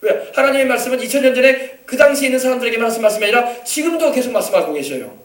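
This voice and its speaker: A man preaching from the pulpit, prodding the congregation with repeated questions. His voice sits high and the words tumble out quickly. The sound carries through an echoey church and is picked up from some distance off the mic. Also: animated. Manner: preaching with call-and-response questions. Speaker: pastor. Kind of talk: sermon. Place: church sanctuary.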